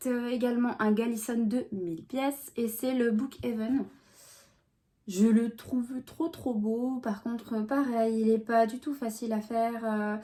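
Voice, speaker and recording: A woman's voice: fairly high pitch, a little mellow. A woman talking casually in a vlog, chatty and rambling, with many fillers and restarts. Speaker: vlogger.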